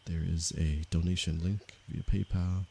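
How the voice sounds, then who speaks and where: A man from Canada, a meditation teacher, speaking softly and unhurriedly to viewers of his livestream. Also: low-pitched, steady tone, creaky, a little hiss or hum. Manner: slow, soft-spoken and unhurried, with pauses. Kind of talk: calm livestream talk to viewers.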